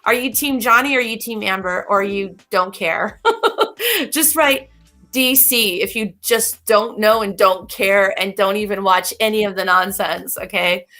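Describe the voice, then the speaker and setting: A woman's voice: medium pitch, a little slow, pushed and bright. A woman hosting a casual livestream as a spiritual reader, chatty and rambling, laughing often.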